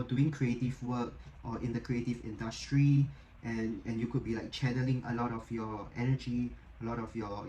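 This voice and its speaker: A man with a mid-range voice gives a casual tarot reading, chatty and peppered with "like" and "okay?" tag questions. His tone is gentle and encouraging. The recording is rough, with a little hiss or hum.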